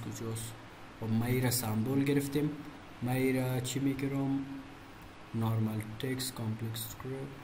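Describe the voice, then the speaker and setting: A man's voice: mid-range voice, slight background noise. A man giving a screen-recorded computer lesson, asking questions and answering them himself. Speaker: computer teacher. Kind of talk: screen-recorded software tutorial.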